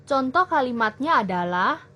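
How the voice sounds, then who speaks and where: A young woman tutoring children in a language lesson, explaining clearly and patiently. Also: sits high, sing-song, sharp tone. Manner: slow, clear teacherly explaining. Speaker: Mandarin tutor.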